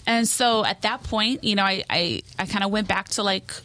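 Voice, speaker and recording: A woman in her late twenties, a radio host from Los Angeles, telling a story in a relaxed interview and acting out the quotes. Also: medium pitch, moderate pace. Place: indoor studio.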